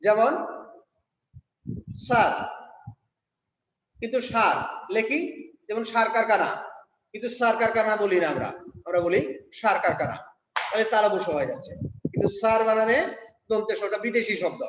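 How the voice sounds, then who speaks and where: Male teacher, high voice, revision lecture recorded in a big echoing hall. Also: animated. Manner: slow, explains step by step, spells out letters one by one. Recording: echoey hall, dull lo-fi sound.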